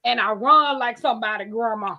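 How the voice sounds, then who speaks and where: A woman's voice: fairly high pitch, brisk, muffled recording. A woman in her forties hosting a casual live-stream chat, playful and teasing, laughing often. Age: 40s. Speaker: host.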